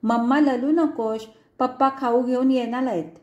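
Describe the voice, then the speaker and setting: Storybook toddler boy, innocent and pleading, with a babyish lisp and a high little voice, echoey room ; a woman puts him on. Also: fairly even intonation, moderate pace, mellow, highs cut off, close to an everyday voice. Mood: comforting. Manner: babyish lisping speech.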